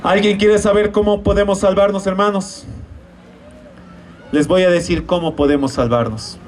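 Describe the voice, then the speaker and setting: A man's voice: high-pitched, steady tone, normal speed, recorded from a distance, a little hiss or hum. A man preaching an evangelistic sermon in a church, posing rhetorical questions and calling his listeners brothers and sisters.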